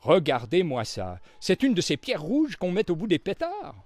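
A man's voice: high-pitched, huge pitch swings, normal speed, darkish tone, dry recording, voice pushed up. Guy doing grumpy old colonel, roaring, raised voice. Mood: outraged. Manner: roaring, blustering. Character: hot-tempered old male colonel, blustering.

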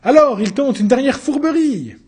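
A narrator puts on a desperate accused man fighting for his life before the judges, crying out in a raised, strained voice. The reading has a mellow, husky grain under the shouting. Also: sits high, lively intonation, a little slow, voice pushed up, heavily acted. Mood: frantic. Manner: shouting, frantic, pleading.

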